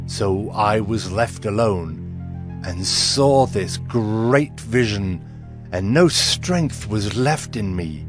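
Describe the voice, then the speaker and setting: A male voice, lowish and expressive, speaks slowly and reverently as Daniel, the humble Hebrew prophet recounting his visions in awe. His delivery is grave and deliberate, his mood solemn and awestruck, in a dramatized telling of scripture. A clear music bed plays behind him.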